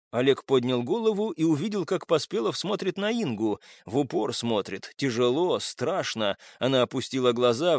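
Expressive male audiobook narrator, dry. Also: medium pitch, no room sound. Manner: lively, expressive reading. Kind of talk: scripted narration.

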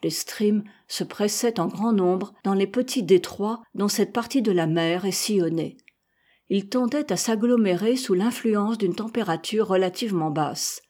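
Mellow, husky woman reading a novel. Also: medium pitch, unhurried. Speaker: audiobook reader. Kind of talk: reading a classic novel aloud.

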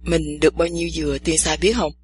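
A woman voicing an earnest, athletic young man who talks calmly and teases gently. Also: low-pitched, fairly quick, a little hiss or hum, close to an everyday voice.

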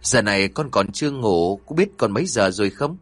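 A man voicing a stern, suspicious mother who scolds in sharp questions. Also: fairly low pitch, animated, a little fast, no echo. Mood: scolding.

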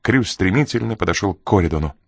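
Low-voiced male audiobook narrator. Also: lively intonation, fast talker, husky, dry recording, clean studio sound.

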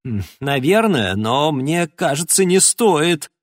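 Guy doing a nervous confused young guy, higher pitch, stumbly, dry sound. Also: sing-song, slow, no room sound. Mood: bewildered. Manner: hesitant, bewildered. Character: mild earnest young man, puzzled and cautious. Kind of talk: audiobook character voice.

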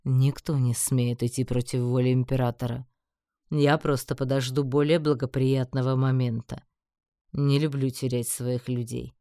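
An actor playing a scheming emperor who speaks slowly, mocking and menacing. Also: male voice, mid-range voice, little pitch movement, mellow, clear, resonant tone, dry recording, studio quality, close to an everyday voice. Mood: cold mocking. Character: cold, scheming male emperor, middle-aged. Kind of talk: audiobook character voice.

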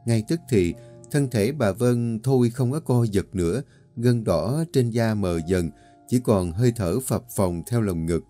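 Male horror narrator, low warm voice, steady dramatic read. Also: measured pace, faint music behind. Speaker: storyteller. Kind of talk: scripted horror story narration.

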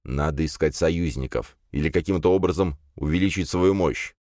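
A man narrating a fantasy audiobook with expressive storytelling. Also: very deep voice, normal speed, no echo, clean studio sound.

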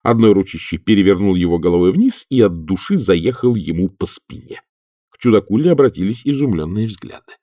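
A man narrating an audiobook in an expressive, wry manner. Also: low-pitched, fairly quick, dry recording, studio quality.

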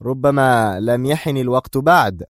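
A man's voice: mid-range voice, no echo, voice pushed up, lightly acted. Brief: man playing a firm, blunt agent, somewhat raised voice, dry studio read. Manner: curt, firm, deliberate. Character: cold, firm male American intelligence agent.

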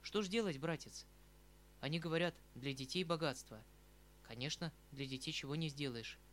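A man's voice: on the high side, normal speed, fairly bright tone, slight background noise, close to an everyday voice. A man reading the part of a tender, fretful aging uncle, a retired colonel, who talks in an emotional, rambling, pleading way. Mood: resigned. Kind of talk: audiobook reading of a classic novel. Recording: faint background music.

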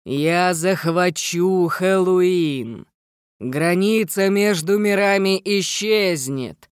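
A reader voicing a grandiose male shadow spirit lord who declaims slowly and pompously in an audiobook. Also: high voice, clean tone, no echo, studio quality.

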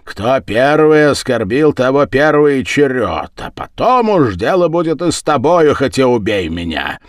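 A man's voice: medium pitch, very animated, unhurried, no room sound, clean studio sound, voice pushed up. A man voicing a drunk, venomous nobleman who hisses and snarls his challenges. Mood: cold. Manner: hissing, snarling and shouting. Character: drunk, venomous male nobleman, sneering duelist.

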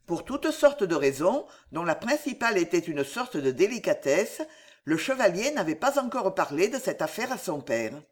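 A narrator reading a historical adventure novel aloud in a measured storytelling manner. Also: medium pitch, sing-song. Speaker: audiobook narrator. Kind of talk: literary audiobook narration.

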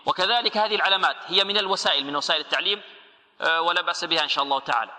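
A man teaching Quran recitation rules. He asks questions, answers them himself, and slowly models each word and its common mistakes. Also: high voice, sharp tone. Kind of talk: tajweed lesson. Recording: echoey hall with long reverb.

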